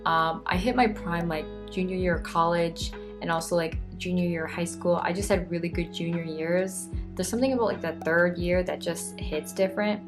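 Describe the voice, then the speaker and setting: Earnest woman in her twenties, soft music behind. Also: on the low side, steady tone, moderate pace, few pauses. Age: 20s. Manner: earnest, soft-spoken, reflective. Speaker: vlogger. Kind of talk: reflective vlog monologue.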